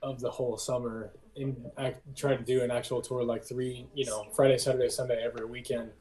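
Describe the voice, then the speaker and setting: Easygoing young man, dark mellow tone. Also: mid-range voice, fairly quick, a little hiss or hum, low-quality recording. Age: 20s. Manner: relaxed, laughs often, rambling. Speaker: band member, guest. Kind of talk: casual podcast chat.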